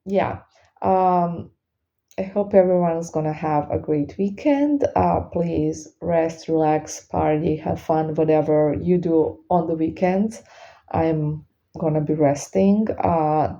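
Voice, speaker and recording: A non-native English-speaking woman with a slight lisp from wearing retainers, talking off the cuff and haltingly to her followers, searching for words. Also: sits low, warm tone, muffled recording. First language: not English. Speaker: spiritual reader and spellworker hosting a Q and A. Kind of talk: unscripted casual monologue to followers.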